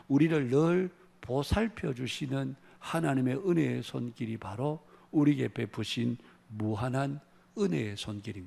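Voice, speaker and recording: A man's voice: fairly high pitch, gravelly. A man pastor preaching a Sunday sermon in a church, earnest, with rising emphatic phrases. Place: church sanctuary.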